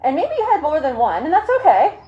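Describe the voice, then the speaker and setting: A woman's voice: high voice, sing-song, brisk, muffled recording. A woman hosting a casual live video chat through a mask and face shield, rambling along with jokey asides. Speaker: livestream host.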